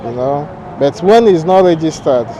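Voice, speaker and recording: A man's voice: on the high side, lively intonation, moderate pace, muffled recording. A man giving his opinion in a street interview, chatty and hesitant. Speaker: interviewed passer-by. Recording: street interview with crowd noise.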